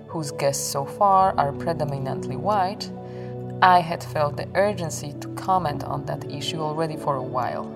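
Low-pitched female podcast host, earnest scripted intro, music playing loud underneath. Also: creaky.

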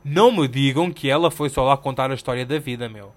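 A young podcast host with a European Portuguese accent tells a story on his solo podcast. His mid-range voice is brisk, and his casual chat is animated, slangy and self-mocking.

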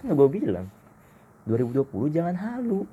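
Man, dark mellow tone, casual podcast monologue, blunt and joking. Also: a little high, big pitch swings, normal speed, a little hiss or hum. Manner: blunt, slangy, self-mocking. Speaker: podcast host.

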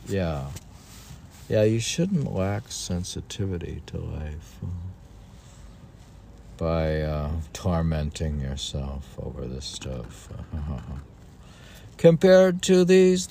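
An older podcast host with a mellow, gravelly, lowish voice reads a book aloud. He keeps breaking off into casual, rambling, self-deprecating musings of his own and repeats passages as he goes.

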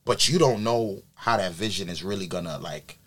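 A man with a low voice and normal pacing, who grew up in New York and works as an event planner, talks casually on a podcast. He relates his story in a relaxed manner with many ums and likes.

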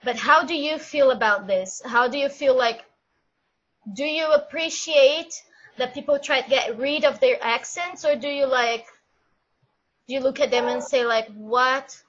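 A woman hosting a casual podcast chat, playful and quick to laugh. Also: high-pitched, highs cut off. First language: Portuguese. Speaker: podcast host.

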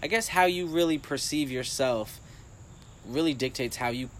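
A man's voice: mid-range voice, moderate pace, slight background noise. A man hosting a casual podcast chat, easygoing and asking probing questions. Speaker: podcast host.

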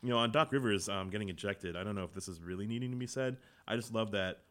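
A man co-hosting a casual sports podcast, relaxed, reading out quotes and chuckling. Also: fairly low pitch, quick pace. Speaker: podcast co-host.

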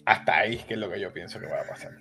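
A man, co-hosting a casual anime discussion, talking in an excitable, rambling way and dropping in English words. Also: fairly low pitch, rapid-fire, faint music behind. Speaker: co-host.

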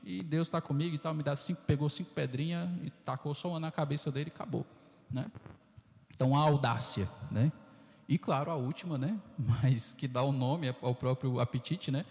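Brazilian priest, rough creaky voice, chatty catechism class, keeps asking "né?", long church echo. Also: male voice, mid-range voice, normal speed, darkish tone. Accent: Brazilian Portuguese. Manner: conversational, constant "né?" tag questions, acts out inner voices. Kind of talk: informal catechesis talk. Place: parish church hall. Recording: reverberant church hall, flawed audio.

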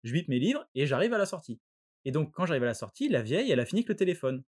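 A man from France telling a crude, animated anecdote in casual chat, acting out voices as he goes. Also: fairly high pitch, racing. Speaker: storyteller in a podcast chat.

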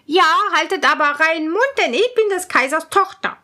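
A woman voicing a haughty, spoiled young princess in a storybook reading, high and imperious. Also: expressive, normal speed, sharp tone, exaggerated voice.

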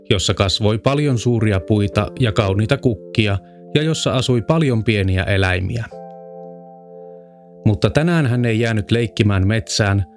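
A man reading a children's fairy tale aloud in a calm, measured storyteller's way. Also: fairly low pitch. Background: faint music.

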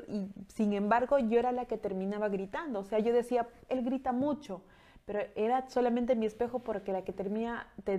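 A woman's voice: mid-range voice, mellow. A young adult woman on a live stream, speaking to her viewers in a conversational, reflective way with many fillers.

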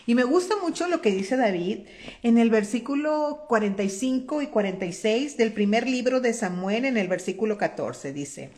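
A woman with a fairly high voice teaches from the Bible in a relaxed, conversational way. She retells the story in her own words, keeps checking in with the listener and gives the people in it little quoted voices. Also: moderate pace. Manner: folksy, constantly adds "¿verdad?".

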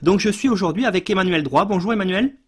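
A man's voice: sits high, lively intonation, fast talker, husky. A man hosting a history podcast, introducing his guest and asking questions, often hesitating with fillers. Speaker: podcast host. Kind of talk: scripted intro then interview questions.

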